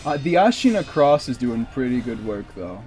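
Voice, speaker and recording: A man's voice: medium pitch, very animated, normal speed, darkish tone, faint music behind. A man streaming a video game, rambling in casual commentary and swearing at the boss now and then.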